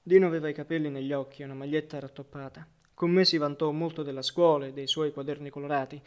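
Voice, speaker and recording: A man narrating a literary audiobook in a measured, reflective way. His voice sits a little high for a man, and phrase endings drop softly and quietly. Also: steady tone, smooth. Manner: measured, reflective reading with soft trailing endings.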